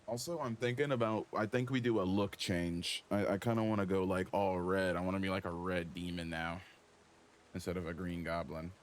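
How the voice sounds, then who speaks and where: A man streaming a video game, talking casually in a profane, excitable, exasperated way. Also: low voice, normal speed, slight background noise. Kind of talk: casual gaming commentary.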